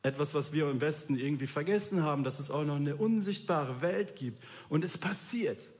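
A man preaching a sermon in a lively, casual way, acting out what different people say in quoted voices. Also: fairly high pitch, moderate pace. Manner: lively, acts out quoted voices, colloquial youth slang.

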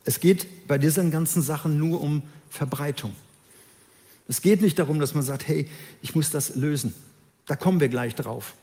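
A man delivers a sermon in a slightly high voice, emphatic and lively, slipping into the voices of the people he quotes. His words ring out with a long reverb, as in a church hall. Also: normal speed. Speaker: preacher.

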